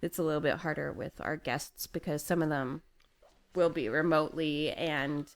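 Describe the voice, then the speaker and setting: A woman's voice: low voice, fairly even intonation, moderate pace. A woman co-hosting a podcast in casual chat, chatty and laughing often. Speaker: podcast co-host.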